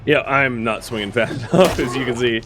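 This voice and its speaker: A man's voice: medium pitch, moderate pace, background noise. A man giving casual, wry gameplay commentary as a streamer, thinking aloud with fillers. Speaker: gaming streamer.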